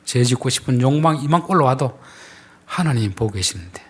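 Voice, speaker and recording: A male pastor preaching a sermon with emphatic rhetorical questions, moving between strong stress and quiet asides. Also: medium pitch, expressive, quick pace, slightly rough.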